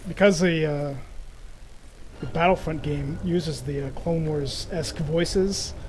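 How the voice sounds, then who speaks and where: A young man's slightly high voice wanders through casual gaming chat, stumbling and restarting as he thinks. His stream mic carries a steady noise bed. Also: slow pace. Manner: rambling, hesitant with many restarts. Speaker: game streamer.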